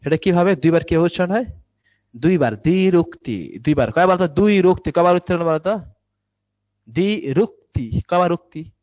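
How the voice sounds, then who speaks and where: A man's voice: high-pitched, fast talker, darkish tone, no echo. A young man teaching Bangla online, with a dry sound. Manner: quizzing students, answering his own questions. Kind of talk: online class lesson. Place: indoors, recorded for an online class.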